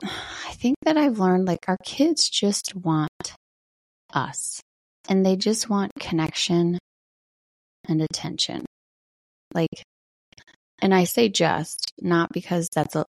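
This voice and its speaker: A middle-aged woman with a low morning voice, talking casually and reflectively in a personal solo check-in as a podcast host. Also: expressive, takes it slowly, long pauses, darkish tone, no room sound, low-quality recording. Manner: reflective, conversational.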